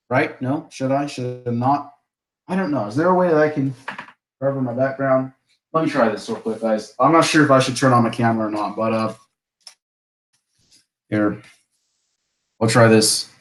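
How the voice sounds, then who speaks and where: Young male live-stream host from Bangladesh, mid-range voice, casual and rambling, quick to laugh, computer mic. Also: mid-range voice, rough recording. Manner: rambling, chatty, laughs often, many restarts. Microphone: computer mic, camera off.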